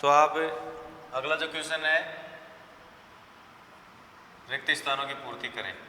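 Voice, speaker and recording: A male teacher talks through a class lesson, pacing his explanations and repeating answers for dictation. His voice is very bright and crisp. The room is echoey, with a long reverb tail and a faint hum behind him. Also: on the high side, fairly even intonation, measured pace. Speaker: school teacher.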